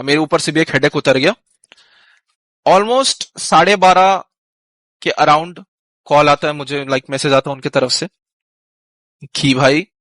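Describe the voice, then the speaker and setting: On a live stream, an esports team manager with a high-leaning, fairly bright voice relates a team dispute in casual storytelling style. He blends English phrases into his Hindi, using fillers and restarts, and the recording carries no room sound.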